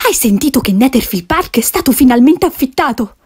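A woman reading an audiobook, voicing a fussy, excitable middle-aged wife and mother who pleads and exclaims eagerly. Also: high-pitched, brisk, slightly rough, voice pushed up.

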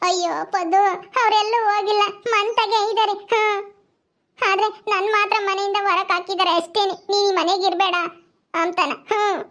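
A woman's voice: very high voice, fairly even intonation, normal speed, a bit bright. A woman playing a married village woman who has been thrown out of her home. She laments tearfully and sighs often. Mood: lamenting. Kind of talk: village comedy skit.

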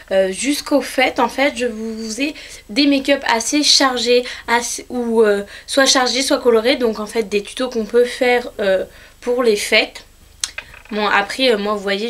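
Woman vlogger, casual to-camera intro, rambling with lots of fillers, fairly high voice. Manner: rambling with frequent filler sounds.

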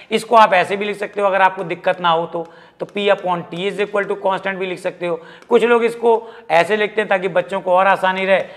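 Lively, high-voiced man teaching physics. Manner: lively, jokey, mixes English terms into Hindi. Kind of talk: classroom lecture.

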